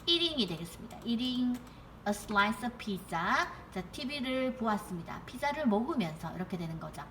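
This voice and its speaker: A young woman teaches an English grammar lesson in a fairly high voice. She keeps asking her viewers questions and reads each example sentence slowly, with a faint hiss behind her. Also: animated, fairly bright tone. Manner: coaxing, asks students rhetorical questions. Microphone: computer mic while writing with a mouse.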